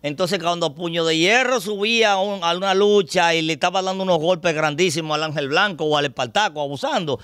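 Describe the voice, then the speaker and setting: Bright-voiced Dominican storyteller. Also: male voice, on the high side, fairly quick, few pauses, clean tone, no room sound, clean studio sound. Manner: lively, acts out scenes and voices. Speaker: pop culture expert guest. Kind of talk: anecdotal storytelling on a podcast. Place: podcast studio booth.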